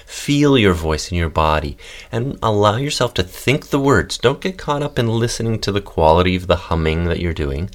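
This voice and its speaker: A man hosting a podcast voice lesson, calmly guiding listeners through breathing, fuffing and humming exercises. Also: low-pitched, normal speed. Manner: calm, guiding instructions with demonstrations. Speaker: voice and text coach.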